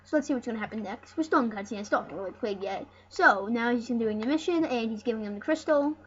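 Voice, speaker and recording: A woman hosts and plays a let's play, rambling, joking and swearing casually as she comments and reads game dialogue aloud. Her voice is fairly high and fairly bright, her pace quick. The mic is muffled and lo-fi, with background noise.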